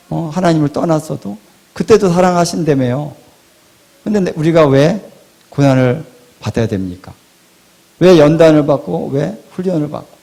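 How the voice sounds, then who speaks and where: A male pastor preaching a sermon, asking rhetorical questions and swinging between loud and hushed delivery. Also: on the high side, vocal fry. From Korea.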